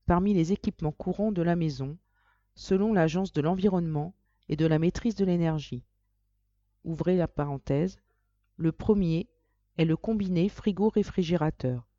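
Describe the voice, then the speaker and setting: A person reading written articles aloud in a dictating manner, scripted and methodical, with a mellow voice. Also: mid-range voice, no room sound, highs cut off. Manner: dictating, speaking punctuation and layout marks aloud. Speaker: reader of a magazine for audio listening.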